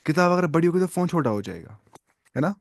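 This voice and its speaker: A man's voice: on the high side, very animated. A man teaching a religious lesson in a classroom, explaining step by step, quoting Arabic and mixing in English terms.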